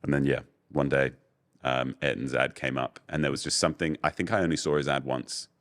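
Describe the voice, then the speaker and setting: A young man with a strikingly deep, low voice talks as a guest on a podcast. He tells relaxed, candid stories and leans on plenty of fillers as he goes. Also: fairly quick. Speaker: guest, voice-over artist and agency owner. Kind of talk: casual podcast interview.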